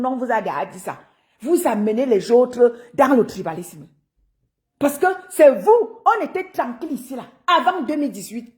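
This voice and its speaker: A woman with a Cameroonian French accent hosts a casual live stream in a high, bright-pitched voice. She talks in an animated, teasing way, laughing often and calling out to her viewers by name.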